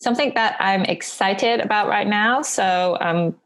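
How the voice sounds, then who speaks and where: A woman's voice: medium pitch, unhurried, fairly bright tone. A woman, answering interview questions chattily with frequent ums and self-corrections. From England. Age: 40s. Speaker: guest, coach and author.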